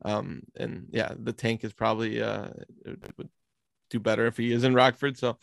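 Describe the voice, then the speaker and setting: A man co-hosting a casual hockey podcast, talking in halting runs with many restarts. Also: mid-range voice, little pitch movement, gravelly, dry recording. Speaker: hockey reporter and podcast co-host. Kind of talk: casual sports chat.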